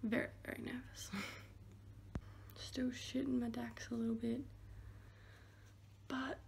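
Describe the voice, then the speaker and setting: A woman's voice: on the high side, flat delivery, slow, creaky, a little mellow. A young woman whispering a nervous early-morning vlog on her phone.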